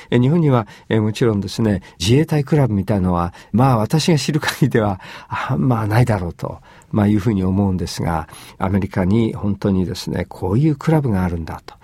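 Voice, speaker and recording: A man hosting an English lesson, explaining phrases in Japanese in a measured way with many fillers. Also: mid-range voice, mellow, slightly rough, no room sound. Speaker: English teacher and host.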